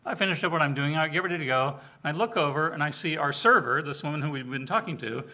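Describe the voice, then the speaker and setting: A fast-talking man with a fairly high-pitched voice preaches a sermon to his congregation. As the overseer of church outreach, he keeps it informal and conversational, acting out the dialogue in his lively personal stories.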